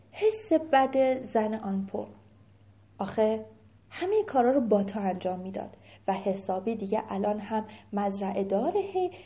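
A woman telling a story to children in an animated way, often turning to ask them questions. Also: medium pitch.

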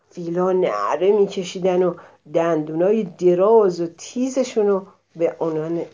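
A woman's voice: on the low side, darkish tone, dull audio. Woman telling a children's story.

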